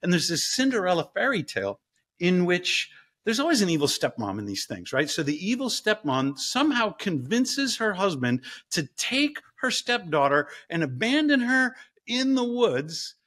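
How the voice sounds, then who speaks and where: Animated storytelling man, lively pitch. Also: moderate pace. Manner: animated, acts out story voices with big pitch jumps. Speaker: guest, professor and ice bath company co-founder. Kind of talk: casual storytelling in an interview.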